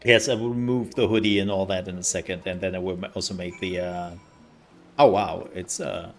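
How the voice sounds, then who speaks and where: A man's voice: low voice, steady tone, fairly quick, soft background music. A man giving casual live gaming commentary, rambling and thinking aloud as he plays. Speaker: livestreamer.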